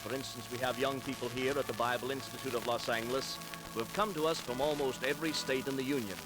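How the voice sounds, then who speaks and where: A man's voice: medium pitch, fairly even intonation, quick pace, music in the background, rough recording. A man hosting a radio program, asking a guest questions in a friendly, conversational way. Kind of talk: radio interview.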